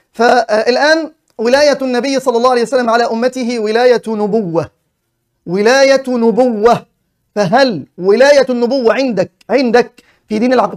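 Man, very high voice, rapid delivery, insistent, repeats his demands, formal phrasing, heated debate.

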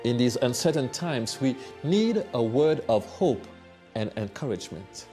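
A man speaks slowly with a lively, rising-and-falling pitch and a mellow, darker tone. Soft music sits under his words. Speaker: church leader.

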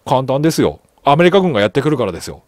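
A man hosting an online commentary channel, reading news items aloud and reacting to them in an excitable way, repeating phrases and thinking aloud with fillers. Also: mid-range voice, racing, dry recording, clean studio sound.

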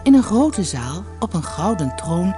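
Woman storyteller, lower pitch, lively melodic delivery, mellow, faint music bed. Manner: expressive, measured storytelling. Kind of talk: scripted narration of a fairy tale.

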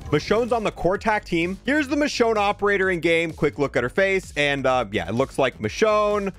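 With soft music in the background, this man reviews a cosmetic bundle on a gaming channel, chatting casually and thinking out loud. His voice sits high, a bit bright and expressive, at a normal speed.

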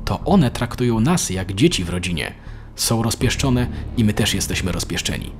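A man's voice: on the low side, sing-song, moderate pace, slight background noise. A man voicing a worried middle-aged mother in a storybook reading. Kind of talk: storybook narration.

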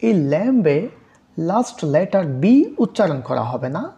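Teacher from Bangladesh, gravelly voice, reads definitions slowly, repeats example words. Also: mid-range voice, big pitch swings, warm tone, muffled recording. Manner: reads English definitions slowly, then explains them step by step; repeats example words to contrast their pronunciations. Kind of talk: recorded exam-prep lecture.

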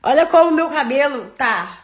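A fairly high-voiced woman jokes bluntly and swears freely in casual chat with a friend. Her voice bounces around an echoey room, with faint noise underneath. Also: lively intonation, moderate pace. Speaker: friend of the vlogger.

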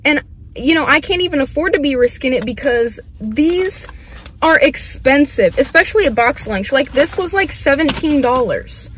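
A woman's voice: high-pitched, lively intonation, normal speed, a bit bright, a little hiss or hum. A young woman vlogging casually, chatty and gushing, with many fillers. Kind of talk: casual unboxing vlog.

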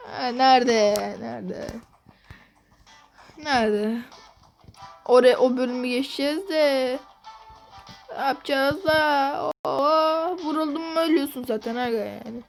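High-voiced excitable woman gamer. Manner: excitable, repeats phrases over and over. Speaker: gaming channel host. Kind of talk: gameplay commentary.

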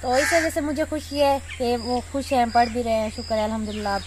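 A woman's voice: a little high, fairly even intonation, brisk. A woman vlogging in a casual chat to her viewers, earnest and prayerful, sweating in the heat. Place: outdoors in a village. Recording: loud outdoor noise behind.

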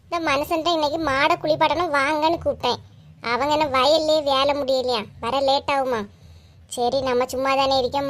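Woman voicing a calm cow-tending village woman. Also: high voice, voice pushed down, close to an everyday voice. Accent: Kanyakumari Tamil. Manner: calm, patient, matter-of-fact. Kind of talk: cartoon story voice acting.

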